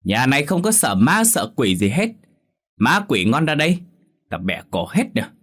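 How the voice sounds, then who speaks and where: A man voicing a belligerent, mocking drunk village man, shouting taunts. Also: medium pitch, big pitch swings, normal speed, husky, voice pushed up. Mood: angry taunting.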